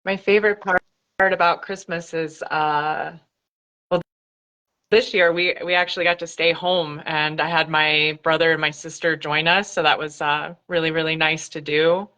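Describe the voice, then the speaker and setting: Low, bright-voiced woman from North Carolina. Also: steady tone, normal speed. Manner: thoughtful, hesitant, giggles between phrases. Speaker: guest, body talk and IFS practitioner. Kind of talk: casual interview chat. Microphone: remote video call. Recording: dull lo-fi video-call audio.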